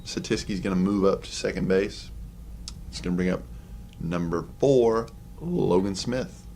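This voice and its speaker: Young guy calling baseball, real low voice, casual chatty commentary, bit of background noise. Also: a little slow, gravelly. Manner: relaxed, chatty, offhand asides between pitches. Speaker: play-by-play announcer. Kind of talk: sports commentary.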